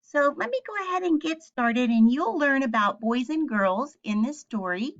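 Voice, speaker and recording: In a slightly high voice, a female teacher reads a picture book aloud to young kids, asking simple questions and explaining things clearly. The recording's highs are cut off.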